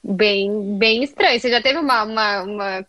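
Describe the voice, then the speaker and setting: A Brazilian woman co-hosting a casual podcast, reflective and quick to laugh. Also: mid-range voice, highs cut off. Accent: Brazilian Portuguese.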